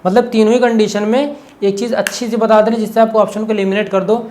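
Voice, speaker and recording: Man, high-pitched voice, exam-prep teacher, step-by-step explaining, rhetorical questions. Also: level tone, fast talker, a little mellow. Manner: explains step by step, keeps asking "what is it?" and answering, frequent "okay".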